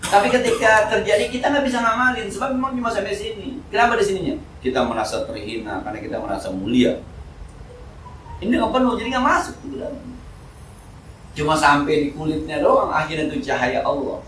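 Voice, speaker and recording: A man with a Jakarta Betawi accent giving an informal, joking sermon at a mosque study session, swinging between loud and soft. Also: high voice, expressive, a little fast, a little hiss or hum. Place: mosque hall. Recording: echoey hall, speaker far from mic.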